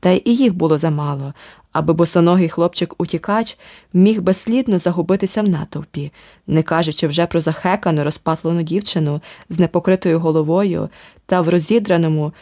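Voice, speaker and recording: A woman narrating an adventure audiobook in a steady, vivid storytelling manner. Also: on the low side, a little fast, no room sound, clean studio sound. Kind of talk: scripted narration.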